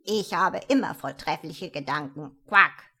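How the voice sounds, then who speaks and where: A woman voicing a fat, jolly green male frog who croaks "quack" between his words. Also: low-pitched, unhurried, sharp tone, pitched below the performer's own voice, full character voice. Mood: jolly, boastful.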